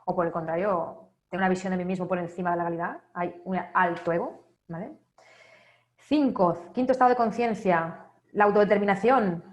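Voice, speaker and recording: Recorded in an echoey room, a woman with a lowish voice gives a motivational talk for an online wellness congress. She leads listeners through many rhetorical questions, often tagging on a quick "right?" or "¿vale?".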